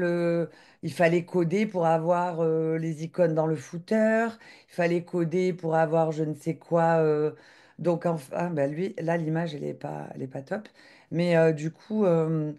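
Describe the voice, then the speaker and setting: Deep-voiced, a woman stumbles through a live software demonstration on a video call, using plenty of filler sounds and starting sentences over.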